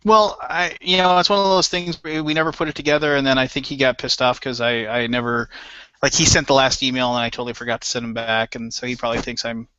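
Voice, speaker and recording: A man co-hosting a casual board game webcast, rambling and excitable with lots of restarts. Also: mid-range voice, fast talker, clear, resonant tone, dry recording, lo-fi sound. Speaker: co-host. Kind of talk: casual chat.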